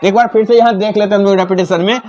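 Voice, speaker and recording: A man teaching the alphabet to children in a slow, repetitive classroom manner, asking questions and repeating each sound. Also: high-pitched, fairly even intonation, darkish tone, lo-fi sound, a little hiss or hum. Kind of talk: classroom-style alphabet lesson.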